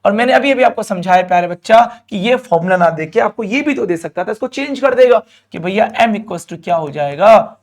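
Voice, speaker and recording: Male teacher, high voice, lively coaxing lecture, draws out key terms. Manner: lively, coaxing, often asks students questions; stretches out key terms slowly. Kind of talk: classroom lecture to students.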